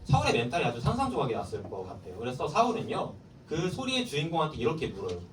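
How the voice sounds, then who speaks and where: A man's voice: a little high, fast talker, background noise. A man preaching to middle schoolers as a youth pastor, storytelling and quizzing his listeners. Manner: lively, keeps quizzing the listeners. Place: church hall. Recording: echoey hall, mic far off, faint ambience.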